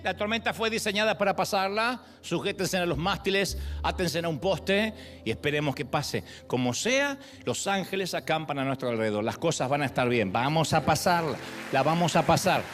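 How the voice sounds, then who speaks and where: A man's voice: a little high, lively intonation, moderate pace, fairly bright tone, faint music behind. A man, a pastor delivering a sermon and prayer, moving between wry storytelling and fervent exhortation.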